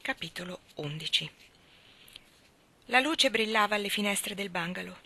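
Bright-voiced woman reading a story aloud. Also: medium pitch. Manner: measured, expressive, often dropping to a whisper. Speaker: narrator.

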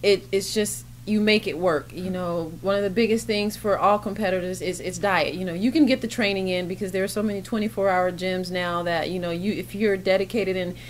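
A woman in her forties, a surgeon and competitor, gives casual, explanatory answers as an interview guest. Her medium-pitched voice is steady and fairly quick with few pauses, picked up by the interviewer's handheld mic in front of an indoor backdrop at a competition venue, with noisy event ambience around her.

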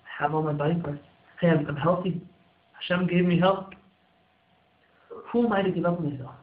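A man's voice: on the high side, steady tone, fairly quick. A man, a rabbi giving an earnest motivational Torah sermon, exhorting listeners with rhetorical questions and repeated phrases. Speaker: rabbi, religious teacher. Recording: echoey room, phone-like muffled audio.

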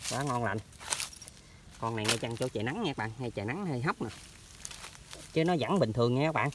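A chatty man with a Mekong Delta Vietnamese accent, talking to his viewers as he walks outdoors with a handheld camera. His voice sits at an ordinary pitch, and a faint rural outdoor hum runs beneath it. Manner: chatty, keeps addressing viewers as friends. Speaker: hunting vlogger. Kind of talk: casual outdoor vlog narration. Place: outdoors in rural orchard and canal banks.

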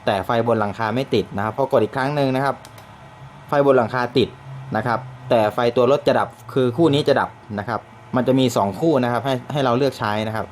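Male demonstrator, mid-pitched, polite and repetitive, casual shop demo, faint background noise. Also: fast. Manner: polite, repeats phrases, many fillers. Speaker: product demonstrator.

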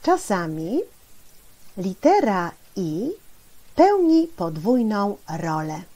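A woman teacher giving a slow, deliberate spelling lesson for children, spelling out syllables and pausing with hesitation fillers. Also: mid-range voice, mellow.

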